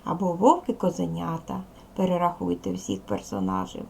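A woman's voice: fairly low pitch, sing-song, normal speed, creaky, a little mellow, a little hiss or hum. A woman teacher giving a recorded lesson to young children, asking questions and answering them patiently.

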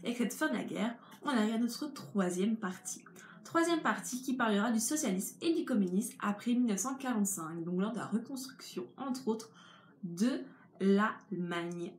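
A woman's voice: mid-range voice, a little hiss or hum. Chatty young woman teaching history. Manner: chatty, explains step by step. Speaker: history tutor. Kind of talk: informal history lesson. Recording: echoey room with faint ambience.

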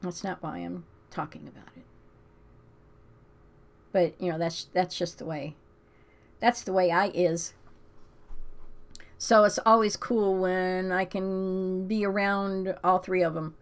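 Rambling older woman host, lowish voice. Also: fairly even intonation, slow pace, pauses often. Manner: rambling, frequent ums and restarts; emotional, close to tears. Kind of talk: casual chat and scripture reading.

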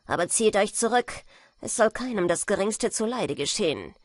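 A woman voicing a male robber leader who bargains in a slow, measured, threatening way. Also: high voice, animated, no room sound, clean studio sound. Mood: menacing.

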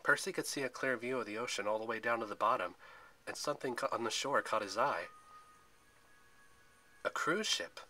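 Bright-voiced man narrating a story. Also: mid-range voice, fast, rough recording. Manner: expressive read-aloud, occasional slips.

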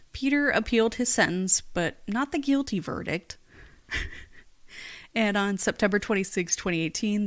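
A woman co-hosting a casual podcast, reading out case facts in a plain recap with dry, blunt asides. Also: medium pitch. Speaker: podcast co-host.

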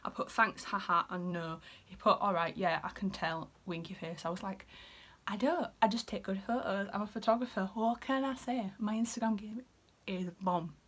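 A woman's voice: mid-range voice, steady tone, a little fast, a bit bright. Young woman, Yorkshire accent, chatty and giggly, casual vlog delivery with whispered asides. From Yorkshire, England. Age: 20s. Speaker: vlogger. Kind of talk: casual chat reading out messages.

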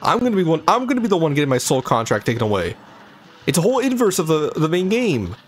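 A man's voice: fairly high pitch, huge pitch swings, fast talker, soft background music. A young man hosting a let's-play channel, swearing constantly and rambling jokes at a game boss as he plays into a desk microphone. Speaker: gaming channel host. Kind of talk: profane let's-play commentary.

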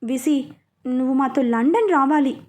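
A woman voicing a scolding, anxious middle-aged mother with a sharp, reproachful tone. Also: sits high, normal speed, natural voice. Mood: pleading.

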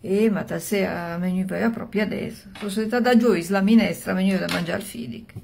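A woman's voice: medium pitch, steady tone, brisk, gravelly, darkish tone, slight background noise. A woman in her sixties with a Milanese accent tells an old tale in a colloquial, conversational way, in short phrases with interjections, acting out the dialogue. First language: Milanese dialect. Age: 60s. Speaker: storyteller. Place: small room at home.

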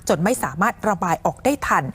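ผู้หญิงรายงานข่าวตามบทด้วยน้ำเสียงผู้ประกาศที่สุภาพและเป็นทางการ. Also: female voice, quick pace. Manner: formal, polite announcer delivery. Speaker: news presenter. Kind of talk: scripted news narration.

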